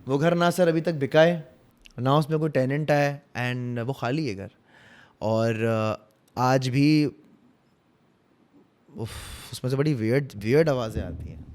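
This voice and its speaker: A man with a Pakistani Urdu accent telling ghost stories as a podcast guest, animated and dramatic, dropping to hushed tones. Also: medium pitch, measured pace, pauses often. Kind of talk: casual storytelling.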